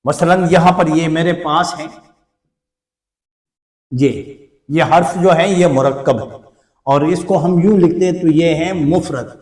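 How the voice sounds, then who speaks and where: A man with an Urdu accent teaching at a deliberate, slow pace in a fairly high voice. He repeats sample words carefully to show their pronunciation. The sound is roomy and comes from some distance away from the mic. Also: darkish tone. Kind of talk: slow blackboard lesson.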